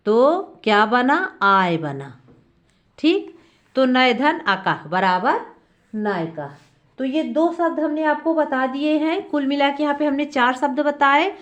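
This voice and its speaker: A woman with a high, light voice explains a grammar lesson step by step. She keeps asking the class a question and answering it herself, and stretches out the sounds she wants them to hear. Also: dull audio. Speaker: Sanskrit teacher.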